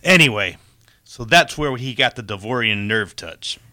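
A man's voice: medium pitch, lively intonation, moderate pace, sharp tone. A man playing a wry young ensign. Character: flustered young male ensign.

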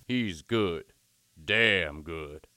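A man voicing a smug, laid-back male first officer with a dry, deadpan delivery. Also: low-pitched, extremely slow, no room sound, exaggerated voice. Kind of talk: radio comedy sketch acting.

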